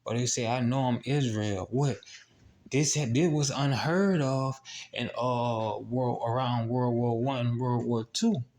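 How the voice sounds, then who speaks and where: A man delivers a sermon-style Bible teaching in an unhurried, drawn-out way. His voice carries a gravelly rasp, and he keeps circling back with restarts and rhetorical questions to his listeners. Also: medium pitch, steady tone, a little mellow. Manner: repetitive, asks rhetorical "what?" questions; halting, many restarts and fillers. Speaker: preacher.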